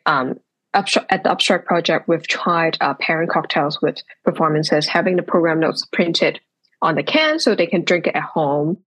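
Husky-voiced woman from Hong Kong. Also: low-pitched, expressive, a bit bright. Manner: thoughtful, with frequent "um" pauses. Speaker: percussionist guest. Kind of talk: casual podcast interview.

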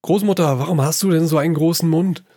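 A man's voice: a little high, fast, mellow, no echo, clean studio sound, pitched above the performer's own voice. A man voicing a curious little girl in a red cap, asking naive questions. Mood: wondering.

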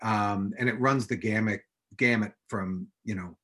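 A man's voice: lowish voice, fairly even intonation, a little slow, a bit bright, slightly rough. A man, an improv teacher, chatting as a podcast guest with many fillers and wry jokes. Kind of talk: casual podcast chat.

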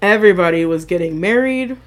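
A woman's voice: fairly low pitch, expressive, a little fast. Woman in her 30s, podcast co-host, rambling and chatty, laughs easily. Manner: chatty, laughs often, trailing restarts. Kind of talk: casual chat.

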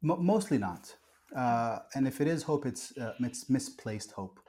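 Pastor guy on a podcast, mellow warm tone, earnest, lots of uh and restarts. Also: medium pitch, animated, measured pace. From born in Kuwait, raised in the US. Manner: earnest, reflective, many restarts and fillers. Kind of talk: podcast interview.

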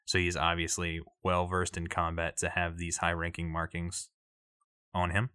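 A man running a tabletop game, his voice very low yet bright and sharp in tone. He narrates haltingly, full of fillers, recorded dry and close. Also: completely flat delivery, clean tone, no echo. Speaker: game master.

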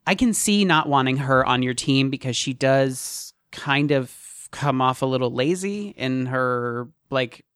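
A man co-hosting a podcast, recapping in an easygoing way, full of ums and casual swearing. His voice has a middle pitch, and the sound is dry and close to the mic. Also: unhurried, few pauses, a bit bright, clean tone, no room sound. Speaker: podcast co-host. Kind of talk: casual chat.

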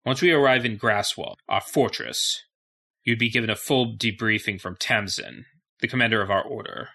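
Man playing a stern, low-voiced hobgoblin soldier. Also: moderate pace, bright, forceful tone. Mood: stern, warning. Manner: commanding, formal warnings. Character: stern, wary hobgoblin soldier of a mercenary legion.

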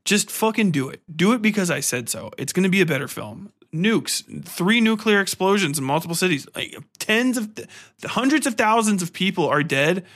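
His voice sits high and fairly bright, moving at normal speed with lively intonation, as he reviews a film alone on his podcast. The rant is casual, profane and slangy, full of exasperated sarcasm.

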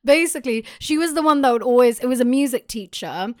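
A woman's voice: high-pitched, expressive, fast, no room sound, clean studio sound. A young adult woman, chatting casually and telling stories emphatically with urban slang and swearing. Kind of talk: casual chat, animated storytelling.

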